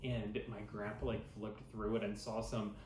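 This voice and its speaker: A man co-hosting a podcast, casually recapping a sitcom episode in a rambling, animated way full of filler words. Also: fairly low pitch, moderate pace. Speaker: podcast co-host. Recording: echoey room with faint ambient noise.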